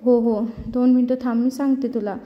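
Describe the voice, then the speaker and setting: A woman's voice: on the high side, fairly even intonation, normal speed, dull audio, lightly acted. A woman voicing an apologetic young policewoman who sounds short of breath, heard with long reverb.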